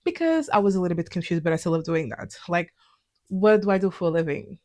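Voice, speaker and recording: A young woman, a native Portuguese speaker with a Portuguese accent, hosts a personal vlog in a candid, conversational, reflective way. Her voice sits on the low side with a darkish tone, and she talks fast and very animatedly.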